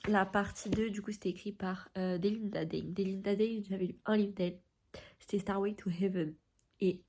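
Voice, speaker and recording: A woman's voice: medium pitch, a little mellow. A woman chatting casually in a reading vlog, informal and rambling, with a stuffy, nasal voice as if sick with a cold. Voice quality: nasal, congested voice from being ill. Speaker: book vlogger.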